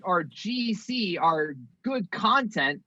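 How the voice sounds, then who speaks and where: A man's voice: high-pitched, animated, takes it slowly, background noise. A man co-hosting a podcast, dry and laid-back, keeping the show on track in casual chat. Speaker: podcast co-host. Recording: dry, slightly dull lo-fi audio.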